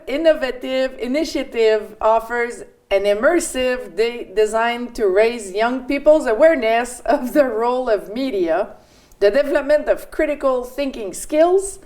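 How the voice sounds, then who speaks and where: Woman, 40s, French Canadian accent, slightly high pitch, radio co-host, chatty community announcements. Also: expressive, a little slow, a little mellow. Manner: reads community notices with small stumbles and chatty asides.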